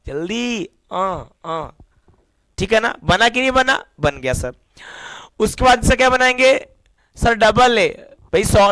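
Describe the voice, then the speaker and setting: Man, young, high-pitched, dry sound, teacher, lively call-and-response questioning. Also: dry recording. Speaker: English teacher. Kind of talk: classroom lesson.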